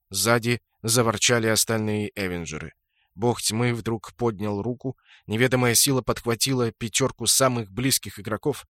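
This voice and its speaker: A man reading a first-person fantasy novel in a steady storytelling manner. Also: medium pitch, dry recording, clean studio sound. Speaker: audiobook narrator. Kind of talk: first-person fiction narration.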